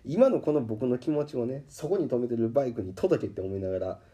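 A man with a Kansai accent hosting a podcast, telling a story in a casual, animated way and acting out the people he quotes. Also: mid-range voice, quick pace. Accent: Kansai Japanese. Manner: animated, acts out quoted voices. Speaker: podcast host. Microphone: podcast microphone.

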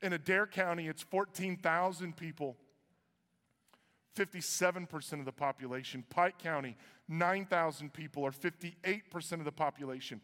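A man from Iowa preaching a sermon as pastor, conversational with joking asides. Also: normal speed. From Iowa, USA. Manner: conversational, joking asides, lively swings in pitch. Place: church auditorium. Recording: reverberant church hall.

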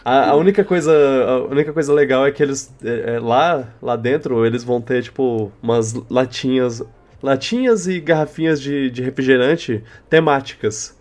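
A young man with a Brazilian Portuguese accent hosting a casual podcast, speaking in a halting, rambling way and often repeating words. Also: mid-range voice, a little mellow. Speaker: podcast host. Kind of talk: casual unscripted podcast chat.

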